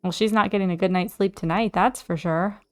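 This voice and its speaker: A woman hosting a let's play, chatting casually to herself as she plays, and easily excited. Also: medium pitch, fairly quick. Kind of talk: casual gameplay commentary.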